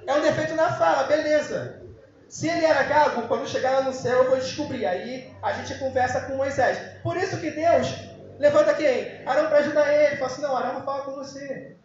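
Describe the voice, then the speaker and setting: A man preaching an informal youth sermon, joking and now and then breaking into shouts. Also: very high-pitched, fairly quick, slight background noise. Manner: casual, joking, with bursts of shouting. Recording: very echoey, dull lo-fi room sound.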